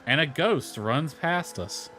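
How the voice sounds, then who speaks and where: Over background music, a man in a game livestream comments casually and rambles, with mild grumbling. His voice is a little high and expressive, slow-paced, bright and forceful.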